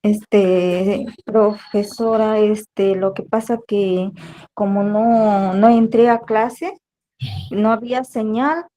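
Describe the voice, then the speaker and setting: A young woman student answering her teacher in an online class, hesitant and pausing with fillers. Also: mid-range voice, fairly even intonation, mellow. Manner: hesitant, fills pauses with "este". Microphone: video call.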